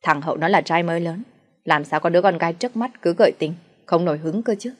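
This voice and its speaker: A woman's voice: fairly low pitch, fast talker, close to an everyday voice. A woman voicing a shrewish middle-aged stepmother who scolds, curses and wails for the village to hear. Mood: scolding. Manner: scolding, cursing, wailing to the village.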